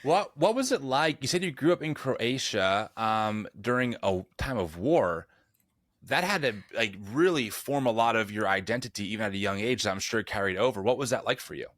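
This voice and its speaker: A man's voice: mid-range voice, animated, moderate pace, a bit bright, no room sound, studio quality. A man hosting a podcast interview, upbeat and affirming, asking long, rambling questions. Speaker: podcast host. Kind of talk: conversational interviewing.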